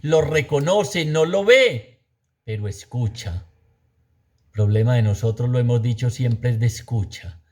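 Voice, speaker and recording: A man's voice: medium pitch, unhurried, darkish tone. A man preaching a sermon, repeating phrases for emphasis and asking the audience rhetorical questions.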